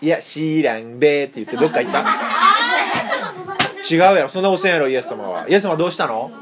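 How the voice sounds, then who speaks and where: Male pastor, storytelling sermon; very expressive pitch, plays every part, keeps checking in with listeners. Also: fast talker, heavy background noise. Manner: animated, acts out voices, quizzes the audience. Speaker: pastor teaching children. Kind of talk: lively Bible lesson.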